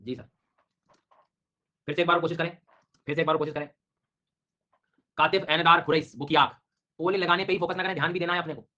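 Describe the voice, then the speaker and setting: A man's voice: on the high side, fairly even intonation, brisk, long pauses, bright, forceful tone. A middle-aged male teacher giving an online exam-prep lecture, teasing his students with jokes while drilling names over and over. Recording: dull lo-fi online class audio.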